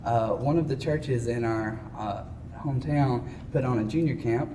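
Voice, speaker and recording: A man's voice: medium pitch, moderate pace. A twenty-year-old man from Alabama with a Southern accent, a gospel singer answering interview questions politely with many fillers and "yes sir.". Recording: echoey, distant, background noise.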